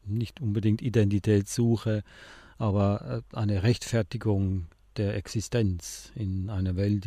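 Man, radio host, hesitant, fairly low voice, dry. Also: warm tone, no room sound. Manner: hesitant, many fillers. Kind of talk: conversational book discussion.

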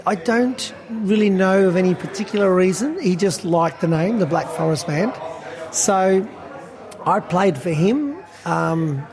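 Amid crowd noise in a busy beer hall restaurant, a man in his fifties from Australia, a band musician, rambles through a casual interview chat with many fillers and laughs. His voice sits high and moves a little slowly.

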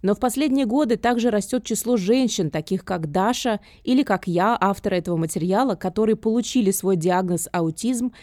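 A woman's voice: medium pitch, brisk, hardly any pauses, darkish tone, no room sound, studio quality. A woman presenting a radio feature, reading scripted narration as the reporter.

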